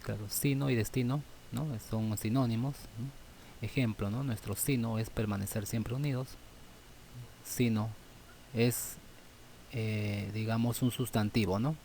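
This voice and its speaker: Man, teacher, low-pitched, grammar lesson, tag questions, many fillers, faint hiss. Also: steady tone, measured pace, creaky, darkish tone. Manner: thinking aloud, tag questions, frequent fillers.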